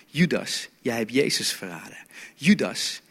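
A man preaching and voicing a scornful male devil who taunts in a low, hushed voice, in a reverberant hall. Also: lively intonation, a little slow, creaky, breathy edge, heavily acted.

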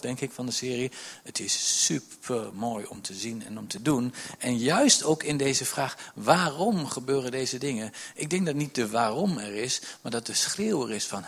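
A middle-aged male pastor gives a sermon to a congregation. His voice is husky, and his pitch sits in a plain middle register. He presses his points with stacks of repeated questions and sometimes sinks to a near whisper. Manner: emphatic, piles up repeated questions, drops to a hush for stress. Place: church service with listeners present.

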